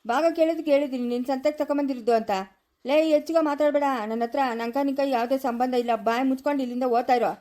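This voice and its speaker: A stern, mocking old village father, played by a woman in a family comedy skit, with a Chikkaballapura Kannada accent. The voice sits high and rattles off rapid rural scolding and taunts. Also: fairly even intonation, warm tone, natural voice. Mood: dismissive.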